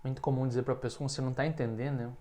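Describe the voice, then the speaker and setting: Brazilian male English teacher, patient explainer, speaks example sentences slow and clear. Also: mid-range voice, flat delivery, dark tone. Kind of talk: language lesson.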